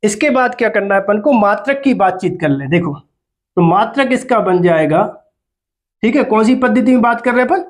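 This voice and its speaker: A man's voice: high voice, expressive, moderate pace. A man teaching a physics lesson, repeating key terms and quizzing his students with questions. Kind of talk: classroom lecture.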